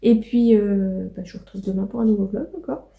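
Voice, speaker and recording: A woman's voice: medium pitch, fairly even intonation, a little fast, gravelly, mellow. A young woman chatting casually in a home vlog, rambling with many fillers and cooing to her pets. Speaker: vlogger.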